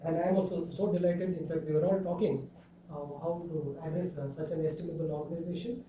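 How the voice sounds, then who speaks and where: A man's voice: on the high side, fairly even intonation, fast talker, dark tone, a little hiss or hum. A male guest speaker giving a motivational lecture with anecdotes, telling jokes to a class in a lecture room. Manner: jokey storyteller. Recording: echoey room from far off.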